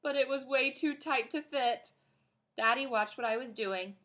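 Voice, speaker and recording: Lady reading a kids' book out loud, expressive, highish voice. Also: measured pace. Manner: expressive, animated. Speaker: reader. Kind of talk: reading a children's book aloud.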